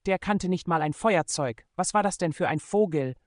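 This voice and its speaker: A man's voice: sits high, moderate pace, no echo, clean studio sound, pitched above the performer's own voice, close to an everyday voice. A male reader voicing a blunt, impatient young woman in an audiobook, speaking in a raised, exasperated voice. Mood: irritated. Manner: snappy, exasperated.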